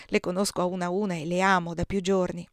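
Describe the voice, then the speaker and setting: A woman reading a novel aloud in calm, even narration. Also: on the low side, a little fast, no echo, studio quality. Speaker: audiobook reader.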